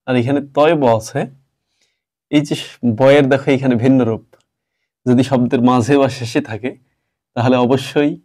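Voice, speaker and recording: A man's voice: mid-range voice, darkish tone. A male teacher giving a step-by-step grammar lesson, stopping often to ask his class questions.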